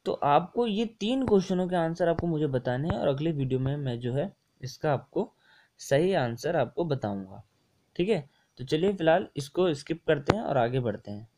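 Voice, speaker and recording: A young man walks viewers through exam answers in an easy, chatty way. His voice sits a little high, and he repeats points and checks in often while mixing English terms into his explanations. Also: expressive, normal speed, background noise. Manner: chatty and repetitive, mixing English words into Hindi, often saying ठीक है. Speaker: exam coaching tutor. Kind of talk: casual screen-share lesson explaining test answers.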